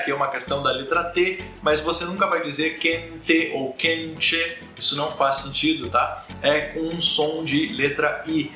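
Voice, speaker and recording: A Brazilian man teaching pronunciation in a casual spoken lesson, explaining patiently, checking in with quick tag questions and slowing down to demonstrate sounds. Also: on the high side, pushed and bright. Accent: Brazilian Portuguese. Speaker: language teacher. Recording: echoey room with faint ambient noise.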